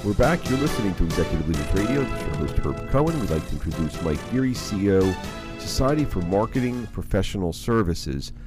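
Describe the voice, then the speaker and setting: A man's voice: sits low, very animated, fast, over music. A man hosting a radio interview show, asking probing questions and cutting in often. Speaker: radio host.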